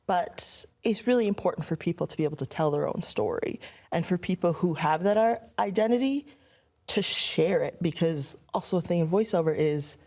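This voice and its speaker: Lively young woman voice actor. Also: on the low side, normal speed. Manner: animated, acts out quoted lines. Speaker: voice actor guest. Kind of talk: conversational interview.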